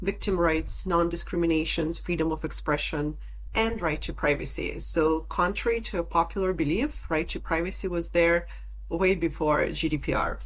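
A woman from Lithuania in her thirties, a podcast guest answering interview questions in a measured, articulate way. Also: fairly low pitch, rough recording. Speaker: podcast guest, data protection officer.

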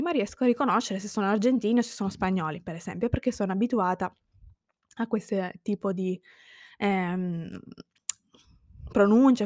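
A woman's voice: medium pitch, a little mellow, no room sound. Earnest Sicilian-born woman, dry sound. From Sicily, Italy. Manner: earnest, reflective, thinking aloud. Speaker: vlogger. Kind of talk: personal monologue.

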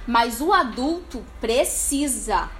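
A woman pastor preaches to a live audience at a church leadership meeting. She is lively and playful and speaks straight to her listeners. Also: on the high side, slow, slight background noise.

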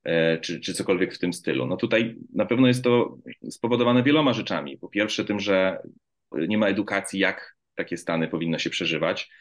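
A man with a fairly low voice hosts a conversational interview. He chats loosely, repeats words and restarts sentences, and slips easily into telling anecdotes. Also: moderate pace. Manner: loose, chatty storytelling with frequent restarts. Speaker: podcast host.

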